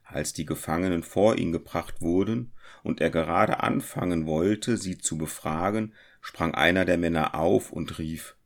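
A man calmly narrating a chapter of a story as an audiobook. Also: low-pitched, creaky. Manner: calm, measured storytelling.

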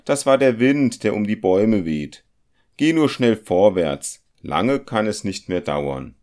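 In a storybook manner, a man reading a story voices a calm, practical compass-smith traveller, an unflappable craftsman talking his nervous friend down. The voice is lowish and darkish, expressive and unhurried, pushed up into a firm, slightly raised, matter-of-fact tone that sounds reassuring and mildly dismissive.

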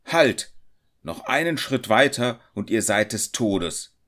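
A man reading aloud, voicing a bold huntsman who shouts warnings at robbers. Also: lowish voice, animated, takes it slowly, gravelly, pitched above the performer's own voice, full character voice. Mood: defiant. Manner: defiant, raised voice. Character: bold young male huntsman, defiant.

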